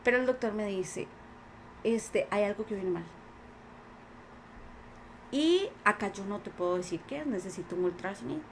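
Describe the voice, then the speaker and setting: A woman's voice: medium pitch, animated, moderate pace, long pauses, a little hiss or hum. A woman with a Costa Rican accent, a podcast guest, earnestly telling her own life story in conversation and acting out what others said. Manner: earnest, many quoted voices. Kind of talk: personal testimony in conversation.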